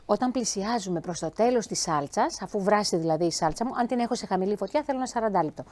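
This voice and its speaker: A woman chef giving a cooking demonstration, talking lively and chatty, speaking straight to her viewers. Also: mid-range voice, noisy background.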